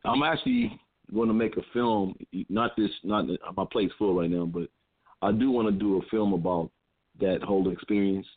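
A man's voice: lowish voice, normal speed. Man telling a story over a phone line. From California. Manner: animated storyteller who acts out friends' lines. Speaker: guest. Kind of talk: casual storytelling. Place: calling in to an internet radio show.

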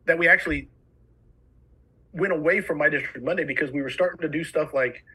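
Man, new jersey accent, podcast guest, rapid and eager, higher voice, husky edge. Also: sharp tone, poor audio. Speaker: fire service instructor, guest. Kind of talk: casual podcast conversation.

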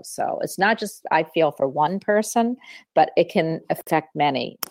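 A woman's voice: deep voice, lively intonation, a little slow, a little mellow, no echo. A woman hosting a live phone-in talk show, chatting casually in an effusive, affectionate way. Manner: effusive, uses endearments.

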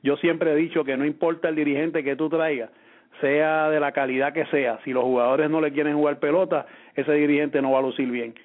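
A Puerto Rican man co-hosts a sports podcast, reasoning aloud and repeating words as he restarts his thoughts. His voice sits a bit high and comes through a narrow, phone-like line. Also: fairly even intonation, brisk. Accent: Puerto Rican Spanish. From Puerto Rico. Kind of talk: casual sports talk.

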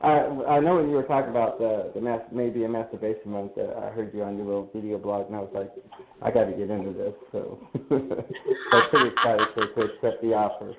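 A man chatting casually as a show guest, speaking in a hesitant, halting way. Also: on the low side, fairly even intonation, roomy sound. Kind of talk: casual chat. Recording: phone-like line with faint noise.

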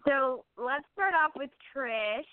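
A woman's voice: sits high, expressive, takes it slowly, slight background noise. A woman co-hosting a casual online radio talk show, upbeat and friendly as she introduces her guest and asks questions. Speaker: co-host. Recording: phone-line call-in audio.

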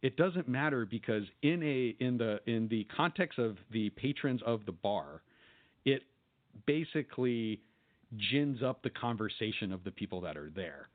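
Male podcast co-host, chatty and giggly, mid-pitch, narrow phone-like sound. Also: lively intonation, moderate pace. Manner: laughs often, enthusiastic retelling of jokes. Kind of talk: casual chat.

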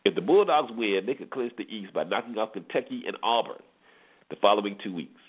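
Speaking fairly quickly in a lowish, slightly rough voice with lively intonation, a man hosts a sports talk show by himself. His commentary is conversational, full of rhetorical questions and points repeated for emphasis, over tinny phone-line radio audio.

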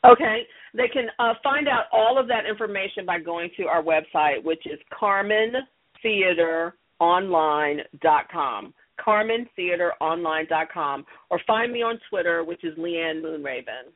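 Speaking a little slowly in a fairly low voice, a middle-aged audio theater creator tells personal stories as an interview guest. Her tone is earnest, encouraging, and emphatic, and the conversation comes through a tinny, narrow phone line.

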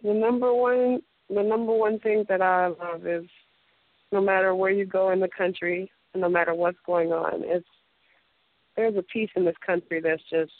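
A woman's voice: medium pitch, fairly even intonation, moderate pace, dry recording. A young woman, a guest speaking earnestly and devoutly over the phone, often searching for words. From Fort Worth, Texas. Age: young adult. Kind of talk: phone interview. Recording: tinny phone line.

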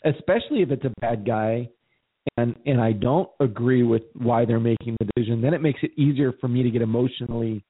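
A man's voice: medium pitch, a little fast, breathy edge. Man, co-host, casual talk, rambling and self-repeating, tinny phone-like sound. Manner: rambling, repeats words while thinking aloud. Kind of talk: casual conversation.

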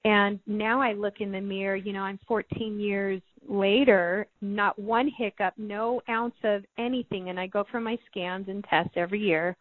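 A woman in her forties, a life coach, telling a personal story in an interview, animated and acting out the voices she quotes. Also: medium pitch, moderate pace, hardly any pauses, dry recording. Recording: dry, phone-like audio.

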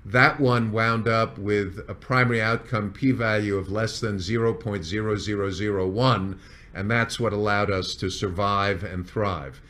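A man speaking as a chief executive and founder, recounting company history in measured executive storytelling, as if addressing staff. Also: lowish voice, steady tone, fairly bright tone.

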